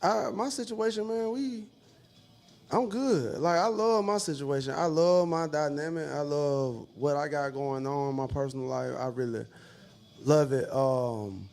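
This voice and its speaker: Slangy laid-back man, high voice. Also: fairly even intonation, unhurried, gravelly, a little mellow, faint music behind. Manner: laid-back, slangy, swears freely, many fillers. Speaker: podcast panelist. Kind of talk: casual chat.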